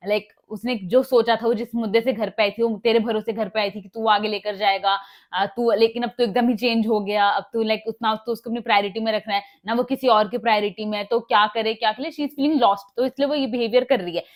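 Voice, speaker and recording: A woman's voice: fairly high pitch, fairly even intonation, fairly quick. A woman casually retelling a reality show episode, mixing in English words and acting out quoted dialogue with many fillers. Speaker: show recap vlogger. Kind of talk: casual spoken recap.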